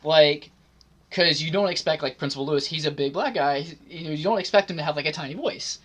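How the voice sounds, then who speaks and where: A man co-hosting a casual gaming podcast, talking loosely with lots of filler words and frequent throat clearing. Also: a little high, fairly quick, fairly bright tone. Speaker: podcast co-host.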